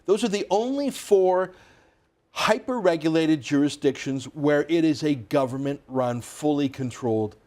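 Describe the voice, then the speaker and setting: A man's voice: on the high side, measured pace, a little mellow. A man, hosting a political commentary segment in an emphatic, sarcastic way. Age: 40s. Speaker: host.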